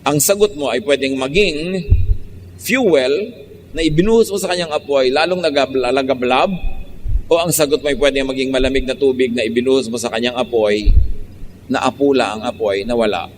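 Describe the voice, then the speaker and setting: A man with a Filipino accent, a pastor preaching a sermon, shifting between slow, calm teaching and lively mock quotes. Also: medium pitch. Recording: long hall reverb, faint traffic noise.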